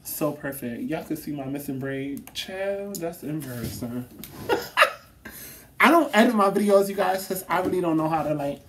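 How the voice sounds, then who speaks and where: A woman chatting casually to her viewers in a vlog, animated, laughing often and swearing freely. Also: low-pitched, a little hiss or hum. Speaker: vlogger.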